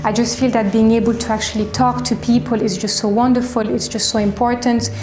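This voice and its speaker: A woman in her twenties with a French accent, a shop owner answering interview questions in a reflective way, often pausing and restarting. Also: a little high, flat delivery, darkish tone, slight background noise. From France. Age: 20s. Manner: reflective, hesitant with fillers and restarts. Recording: echoey room.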